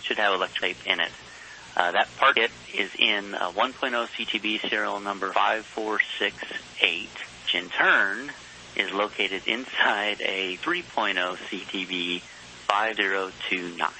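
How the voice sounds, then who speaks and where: A man's voice: on the low side, a little slow, pushed and bright, a little hiss or hum, poor audio. A man working as a mission control communicator, giving procedural but conversational messages over a space radio link. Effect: space radio transmission.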